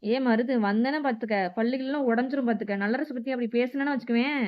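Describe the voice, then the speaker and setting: A woman's voice: a little high, fast talker, muffled recording, lightly acted. A woman voicing a fiery villager who angrily defends the accused man and threatens his accusers. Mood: angry. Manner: angry, threatening.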